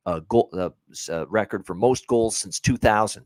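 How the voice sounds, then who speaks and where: A man's voice: lowish voice, normal speed, dry recording, low-quality recording. A man hosting a sports betting podcast, talking casually through his picks with lots of filler words. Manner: chatty, many "uh" fillers, upbeat picks.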